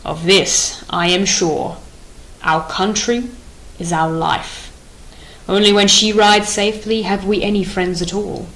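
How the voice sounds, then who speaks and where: A woman's voice: medium pitch, fairly even intonation, takes it slowly, fairly bright tone, rough recording. A woman reading the part of a stern, unbending male king in an audiobook play, grave and declamatory in manner.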